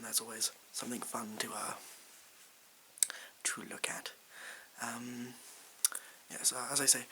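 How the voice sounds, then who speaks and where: Man acting bumbling supply teacher, bright ASMR role-play. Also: mid-range voice, low-quality recording. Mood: rambling. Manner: hesitant, rambling, stalling, deadpan asides. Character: bumbling male supply science teacher, evasive, unsure, self-important. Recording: hissy background noise.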